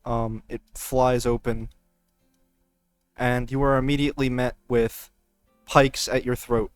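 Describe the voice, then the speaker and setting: A man running a tabletop role-playing game as game master, narrating scenes in a measured way. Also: mid-range voice, level tone, clean tone, no room sound, faint music behind.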